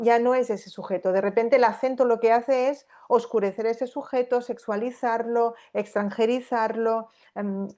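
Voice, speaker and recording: A literature scholar from Spain speaks in a slightly high voice with a darkish tone during an academic lecture. Thoughtful and meandering, she fills her speech with hesitations and false starts and frequently seeks agreement with "¿no?".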